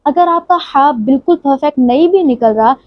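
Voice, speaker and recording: A woman teaching tajweed, patiently explaining each sound and reciting the words slowly and drawn out. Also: sits high, lively intonation, no echo, dull audio. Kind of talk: tajweed lesson with slow recited examples.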